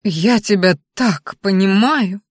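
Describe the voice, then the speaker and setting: A woman's voice: mid-range voice, slow pace, slightly rough, dry recording, studio quality. A woman doing a wheezy drawling tipsy prince.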